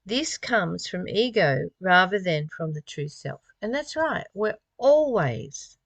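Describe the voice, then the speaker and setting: Reading spiritual study material and offering casual commentary, this woman speaks slowly in a low, creaky voice with big pitch swings. Her reflections are musing and frequently framed as rhetorical questions, captured with no echo.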